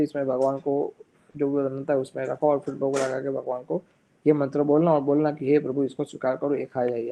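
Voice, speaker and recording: A man with a medium-pitched voice and vocal fry, recorded with a muffled sound, delivers a religious discourse. He tells a sacred story during a sermon, mixing in English phrases and voicing the characters' lines himself.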